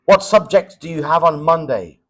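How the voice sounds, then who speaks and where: This man's voice leans high, and he talks at a normal speed. Acting as the examiner in a practice English oral exam, he asks easy questions, patiently saying them again or putting them another way.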